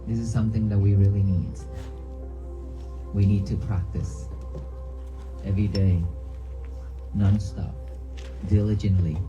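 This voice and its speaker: A low-pitched man with a Vietnamese accent gives a dharma talk, speaking in short, broken phrases. He keeps checking in with the crowd by asking them questions. Music plays clearly in the background. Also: level tone, unhurried, long pauses, lo-fi sound. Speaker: Buddhist monk giving a talk. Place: outdoors by a church cemetery.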